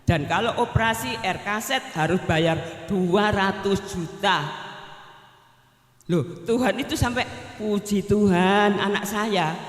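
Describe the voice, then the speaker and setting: A woman's voice: mid-range voice, slow. An older woman with a Javanese accent gives a chatty church testimony, often turning to address the pastor directly. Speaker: evangelist giving a testimony. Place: church hall. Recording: reverberant church hall.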